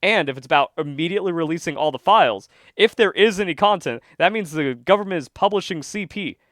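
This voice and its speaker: A man co-hosting a casual podcast, talking politics in an animated way and acting out quoted voices. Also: fairly high pitch, fast, no room sound, studio quality. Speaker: podcast co-host.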